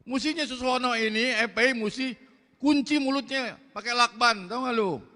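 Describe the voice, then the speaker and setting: Loud, bright Betawi preacher man. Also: extremely high pitch, moderate pace, big-room sound. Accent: Betawi Jakarta. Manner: loud, blunt, forceful, slangy. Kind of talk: fiery sermon.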